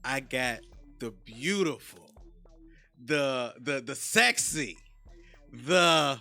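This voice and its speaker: Podcast host, man, 30s. Relaxed and slangy, crisp bright tone, drops to low mumbles. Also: drawn-out words, soft background music. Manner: laid-back, slangy, trails off softly into low mumbles. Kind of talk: casual interview chat.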